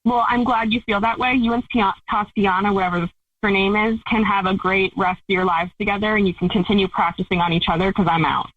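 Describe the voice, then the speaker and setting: A woman's voice: mid-range voice, fairly even intonation, a little fast, no room sound. Blunt woman on a tinny phone line. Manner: blunt, accusing. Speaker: caller confronting her fiance. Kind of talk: phone call on a radio show.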